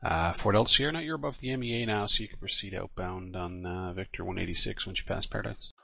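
A man's voice: deep voice, fast talker, gravelly, bright, forceful tone, no room sound. A man working as an air traffic controller, giving clipped, official radio instructions.

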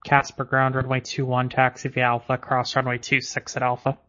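A man's voice: medium pitch, completely flat delivery, normal speed, sharp tone. A man working as an air traffic controller, giving clipped, matter-of-fact procedural instructions over radio. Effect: radio transmission. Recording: dull band-limited radio audio.

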